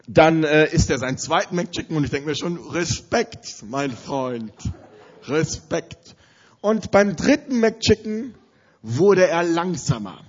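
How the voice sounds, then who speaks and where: A man with a high voice tells a funny story, animated and often breaking into laughter. His storytelling builds toward a sermon point. The recording sounds dull and lo-fi. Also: husky. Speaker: preacher.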